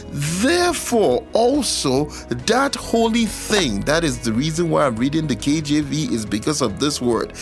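A woman preaching a sermon, reading scripture aloud and explaining it, building to near-yelling emphasis and slowing on key words. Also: low-pitched.

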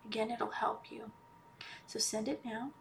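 Hushed woman guiding meditation, right in your ear. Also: a little high, fairly even intonation, measured pace, creaky, a little hiss or hum. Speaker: podcast host and healer leading a guided meditation. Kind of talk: guided healing meditation.

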